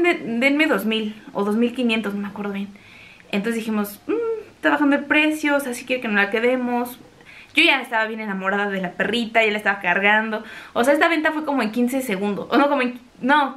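A young woman with a Mexican accent telling a personal story in a chatty, animated way. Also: a little high. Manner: chatty, animated, acts out quoted voices. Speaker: vlogger. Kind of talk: casual storytelling.

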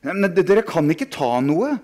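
A man's voice: fairly high pitch, expressive, mellow, breathy edge, pitched above the performer's own voice. A man voicing a frightened young boy who stammers out panicked protests. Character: scared pleading young boy.

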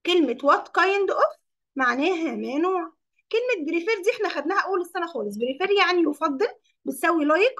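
A woman with an Egyptian Arabic accent teaches English words in a classroom lesson. She explains each term in Arabic and keeps questioning her pupils. Her voice sits high, with a gravelly edge. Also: a bit bright, lo-fi sound.

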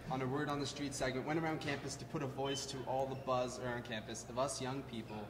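A man's voice: medium pitch, quick pace, long reverb tail, background noise. A young man co-hosting a student TV show, chatting casually in a studio with a handheld mic. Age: young adult. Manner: relaxed, filler-heavy talk with many "like"s. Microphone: handheld microphone.

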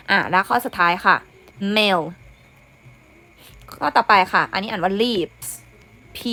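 Young female English tutor, bright voice, patient and repetitive explanations. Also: medium pitch. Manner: patient, repeats words and meanings, says "นะคะ" often. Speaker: English teacher. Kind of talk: explaining an English exam in Thai.

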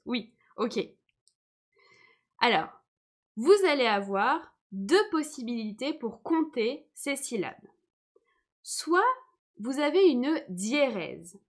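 A young woman teacher giving a live online lesson, explaining patiently and often checking that her viewers follow. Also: on the high side.

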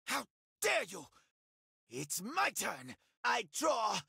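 An imperious anime villain in a card game, extremely high and sharp with a creaky edge. He is gloating and theatrical, delivering every move as a taunt. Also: huge pitch swings, slow pace, no room sound, clean studio sound, full character voice. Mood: indignant. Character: gloating, imperious male villain twin duelist.

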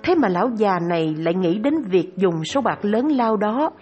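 A woman storyteller narrating a Buddhist moral tale in a measured, even way. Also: medium pitch, slightly rough. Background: soft instrumental music.

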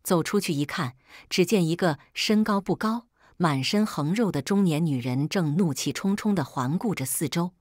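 Woman storyteller, first-person narration, husky low voice, calm and unhurried. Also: no echo, studio quality.

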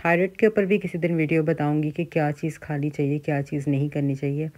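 Talking fast in a low, slightly mellow voice with fairly even intonation, a middle-aged woman hosts a grocery and cooking vlog. She has a Pakistani Urdu accent and keeps things chatty and conversational, dropping in frequent fillers and asides.

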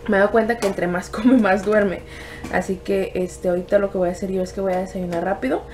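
A woman's voice: mid-range voice, level tone, brisk, noisy background. A young woman, a new mother, chatting casually in her daily home vlog, rambling with fillers and restarts.

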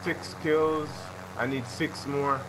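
A young man playing a shooter with a teammate, talking fast and restless, swearing and joking around. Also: medium pitch, fairly even intonation, background noise. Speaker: gaming teammate. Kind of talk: casual gaming chat.

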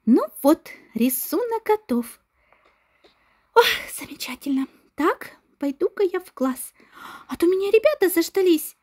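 Very high-voiced bustling role-play narrator. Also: big pitch swings, a little slow, mellow.

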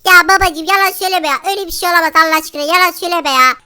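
A man's voice: very high voice, steady tone, very fast, sharp tone, heavily acted. A man voicing a mischievous young boy in a Minecraft role-play, gleefully pranking his dad and talking to viewers. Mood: pleading. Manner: gleeful, giggly, talks to viewers.

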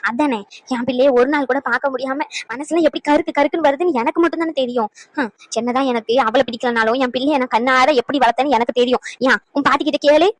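Woman voicing an old cartoon grandmother, shrill, nagging, nonstop talker. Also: no room sound. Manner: rapid, scolding chatter. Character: scolding, anxious old grandmother, doting on grandson. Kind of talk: cartoon family drama voice acting.

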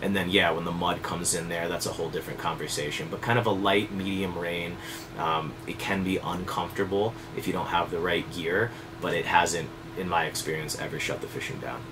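A man in his thirties, a fly fishing guide, explaining things to camera in a relaxed, conversational way with casual fillers, seated at a desk indoors. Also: low voice, fairly quick, noisy background. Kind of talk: direct-to-camera instructional talk.

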